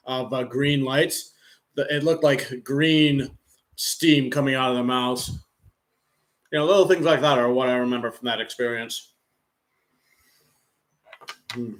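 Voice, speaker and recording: Man, live streamer, casual game commentary, rambling, filler-heavy, middle pitch. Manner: relaxed play-by-play narration.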